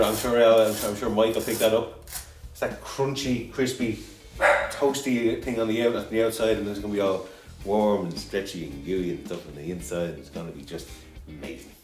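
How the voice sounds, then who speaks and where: A lower-pitched man chats his way through a cooking show, joking and wandering off topic as he goes. His voice bounces around a roomy home kitchen, with faint music under it. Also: darkish tone. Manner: joking, rambling, chatty. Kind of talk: casual cooking chat.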